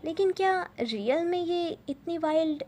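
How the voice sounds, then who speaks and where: A woman's voice: very high voice, lively intonation, unhurried, darkish tone, a little hiss or hum, voice pushed up. A woman voicing a flustered young woman in love, who stammers and repeats herself. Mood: wondering.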